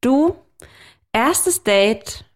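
A woman's voice: fairly high pitch, lively intonation, drawn-out words. A woman in her thirties, co-hosting a casual chat and animatedly telling dating stories, laughing often and mixing in English phrases.

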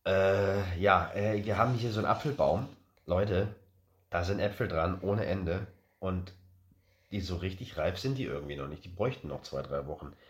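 Casting: deep-voiced father co-hosting a home podcast, chatty, stumbling, lots of "uh". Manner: rambling, hesitant, many fillers. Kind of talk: casual family podcast chat.

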